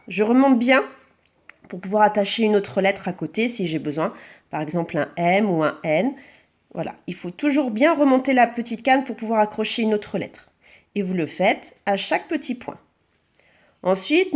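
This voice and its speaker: A woman teaches young children to write joined letters. She talks them through each stroke slowly and patiently. She praises their answers warmly. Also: on the high side. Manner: slow, patient step-by-step instruction with praise. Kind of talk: handwriting lesson for children. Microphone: camera held close to the writing.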